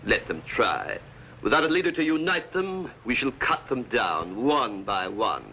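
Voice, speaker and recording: A man's voice: mid-range voice, very animated, measured pace, bright, forceful tone. An actor playing a haughty, scheming King of England, speaking formally and imperiously in 1950s television drama style. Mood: haughty, menacing. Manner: imperious, formal royal speech. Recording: faintly noisy old TV soundtrack.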